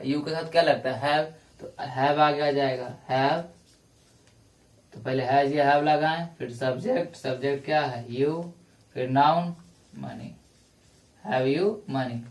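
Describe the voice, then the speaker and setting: A man's voice: fairly high pitch, recorded from a distance. Man teaching grammar in an echoey room. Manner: slow, explains grammar rules step by step, repeats each example. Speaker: English teacher. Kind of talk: classroom lecture.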